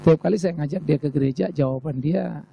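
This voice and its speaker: A man's voice: fairly high pitch, fairly quick, gravelly, highs cut off, a little hiss or hum. A man preaching a sermon as a pastor, emphatic and rhetorical, repeating phrases for effect. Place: church service.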